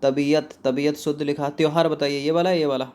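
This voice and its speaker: A man's voice: a little high, flat delivery, fast talker, a little mellow. Man teaching, raised voice, quizzing students. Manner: talks to students directly, asks and then answers his own questions. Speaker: exam prep teacher. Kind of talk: spelling lesson walking through a practice test.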